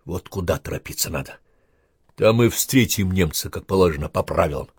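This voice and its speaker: A man voicing a gruff army captain in command, who talks in stern, clipped orders. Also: low-pitched, lively intonation, brisk, no echo, studio quality, heavily acted. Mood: lecturing. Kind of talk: audiobook character reading.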